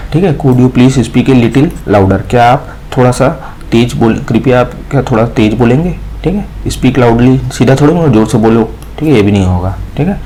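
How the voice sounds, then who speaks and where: Mellow-voiced Indian male teacher. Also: mid-range voice, a little hiss or hum, low-quality recording. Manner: repeats each point and adds a filler after nearly every line; reads the English questions slowly, then explains them in Hindi. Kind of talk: exam question walkthrough lesson.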